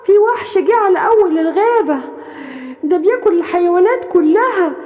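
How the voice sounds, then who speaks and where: A woman's voice: extremely high pitch, lively intonation, fairly quick, darkish tone, reverberant, pitched above the performer's own voice. A woman with an Egyptian accent voicing a frightened female gazelle spreading alarming news in a cartoon story. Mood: alarmed. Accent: Egyptian Arabic. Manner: breathless, alarmed.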